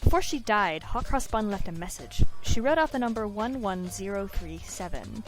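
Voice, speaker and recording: A woman's voice: mid-range voice, normal speed, soft background music. A young woman hosting a casual game playthrough, laughing easily and reading the story and dialogue aloud. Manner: giggly, animated, reads narration and dialogue aloud. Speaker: let's play host.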